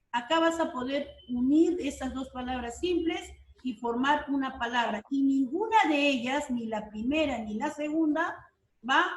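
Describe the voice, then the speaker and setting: A woman teacher with a high voice talks her class through a lesson at a slow, deliberate pace. She repeats the key terms and keeps checking that her students follow. Her voice sounds a little distant from the mic in a roomy space. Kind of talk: online class lecture.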